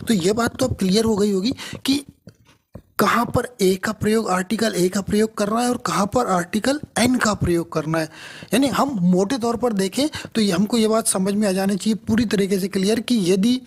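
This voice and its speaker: A man teaching grammar at an unhurried, deliberate pace, his voice slightly husky. He goes over each point twice, restating terms in two languages and checking in with listeners as he goes. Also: high voice. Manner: unhurried, with frequent checking questions. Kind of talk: explanatory grammar lesson.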